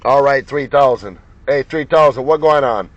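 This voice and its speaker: Loud radio noise and clicks run through this muffled, lo-fi clip of a CB radio operator. He's a man with a medium-pitched voice at a normal pace, repeating call signs in jocular, slangy, folksy banter.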